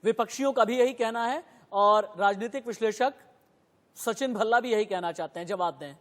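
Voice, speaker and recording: A man's voice: moderate pace, long reverb tail. A man moderating a TV news debate who firmly keeps order among his guests. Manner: firm, repeatedly tells a guest to lower his voice.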